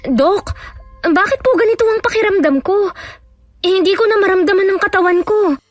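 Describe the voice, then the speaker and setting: A woman's voice: very high-pitched, fairly quick, no echo, faint music behind. A woman voicing a timid, polite young woman patient who speaks hesitantly and stammers. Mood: uneasy. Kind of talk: audio drama acting.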